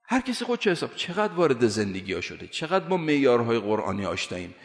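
A male preacher delivering a sermon to a gathered congregation, at an ordinary middle pitch. He drives each point home with repetition and rhetorical questions. His voice carries a long hall reverb around it. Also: big pitch swings. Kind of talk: religious sermon.

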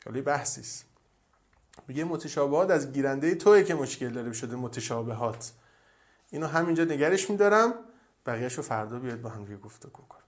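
A man giving a religious lecture, telling stories and often dropping to a soft, low voice. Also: expressive. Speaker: cleric.

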